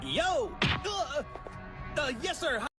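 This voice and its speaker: A cheerful, naive young hero from an anime dub, with a very high voice that leaps wildly up and down. He is excitable and awkwardly polite, and drawls his words out slowly. Loud music plays behind him. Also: creaky, heavily acted. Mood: flustered. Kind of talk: English anime dub acting.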